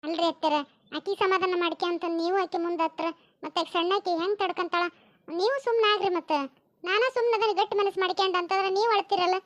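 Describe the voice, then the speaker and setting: A woman's voice: very high-pitched, steady tone, quick pace, dry recording, highs cut off. A woman with a North Karnataka Kannada accent, chattily scolding and advising in a village family comedy sketch.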